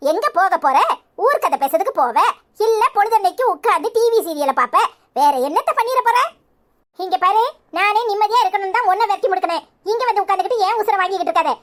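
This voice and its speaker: A woman voicing a sharp-tongued older mother in a cartoon, scolding harshly with a Tirunelveli Tamil accent. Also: very high voice. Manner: harsh, scolding, rapid-fire nagging.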